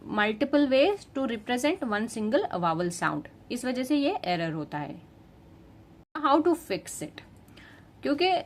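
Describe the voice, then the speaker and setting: A woman explains spelling errors to parents in a calm, unhurried teaching voice. She mixes Hindi and English and lays out each point patiently. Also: on the high side.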